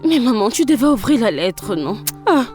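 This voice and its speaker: An anxious, pleading young daughter in a dubbed film. Her voice sits high and moves a lot. Soft music runs underneath. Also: sing-song, moderate pace. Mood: worried. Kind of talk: French film dub.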